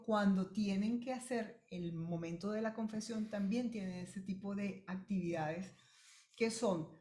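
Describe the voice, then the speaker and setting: A woman with a Venezuelan accent, a voice specialist explaining vocal strain to listeners in a clear, direct way. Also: medium pitch, a little mellow. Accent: Venezuelan Spanish. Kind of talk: explanatory talk. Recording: roomy echo.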